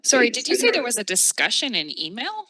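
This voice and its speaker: A woman's voice: a little high, huge pitch swings, fairly quick, bright, forceful tone. A woman on a commission, asking probing, pointed questions about procedure at a public meeting.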